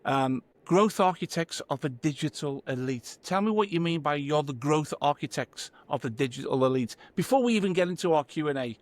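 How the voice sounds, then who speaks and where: A man's voice: fairly high pitch, expressive, brisk, hardly any pauses. A man hosting a podcast interview, hyped and enthusiastic. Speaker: podcast host.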